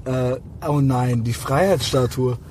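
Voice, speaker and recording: A man in casual chat who reacts with quick exclamations and questions, recorded inside a car. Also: medium pitch, fairly even intonation. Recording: loud car road noise.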